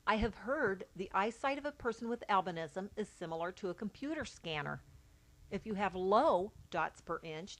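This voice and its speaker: Mother reading a steady personal account. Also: mid-range voice. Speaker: mother of a child with albinism. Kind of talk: read-aloud personal account.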